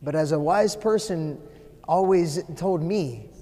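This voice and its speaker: A man preaches in a big sanctuary, his fairly high voice ringing with long church reverb. He is animated, swinging between loud emphasis and a near-whisper. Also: slow pace. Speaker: priest. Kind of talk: sermon. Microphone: far camera, no visible mic.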